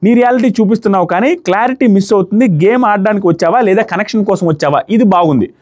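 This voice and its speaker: A man's voice: high-pitched, fast talker, a little mellow. A man giving a casual, emphatic review of a reality show episode, retelling scenes in quoted lines.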